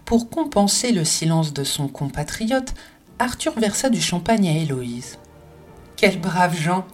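A woman narrating a novel as an audiobook in a steady, literary way. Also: on the low side, a little slow, soft background music.

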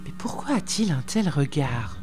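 A fat old royal counselor who frets and squeals, pitching his cries high and loud over a faint music bed, as a woman acts him out. A man of words rather than deeds, always in a flutter. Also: very animated, normal speed. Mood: fretful. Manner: shrill, fretful exclamations. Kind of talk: audiobook character voice.

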